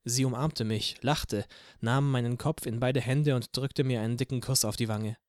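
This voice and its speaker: A man's voice: medium pitch, moderate pace, no room sound. Man narrating an audiobook, dry and close. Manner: steady first-person storytelling. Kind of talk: scripted narration.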